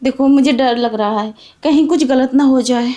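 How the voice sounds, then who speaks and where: A woman's voice: sits high, normal speed, mellow, close to an everyday voice. A woman playing an anxious young married woman behind on rent, who sounds worried, hesitant and defensive, in an amateur drama skit.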